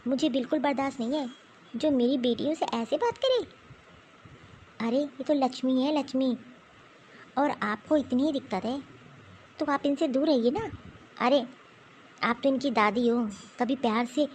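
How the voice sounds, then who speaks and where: A woman's voice: sits high, moderate pace, pauses often, darkish tone, slight background noise. A woman voicing a protective young mother in a cartoon who lectures her mother-in-law at length. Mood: indignant. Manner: indignant, lecturing. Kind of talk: cartoon voice acting.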